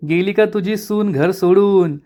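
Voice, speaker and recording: A man voicing a nosy, quarrelsome village aunt who taunts with snappy retorts, in his own fairly high voice. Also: measured pace, warm tone. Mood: taunting.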